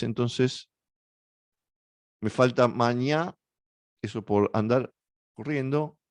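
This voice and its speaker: Hesitant Argentine man teaching software. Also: medium pitch, dry recording, clean studio sound. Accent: Argentine Spanish. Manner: hesitant, many fillers and self-corrections. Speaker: workshop instructor. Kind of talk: software tutorial walkthrough.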